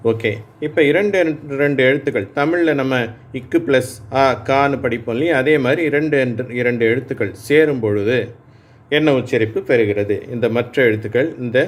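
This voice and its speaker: Patient man teaching phonics slowly. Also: mid-range voice. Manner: patient, spells out sounds letter by letter and asks learners to repeat. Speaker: English reading teacher. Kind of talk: slow phonics lesson for adult learners.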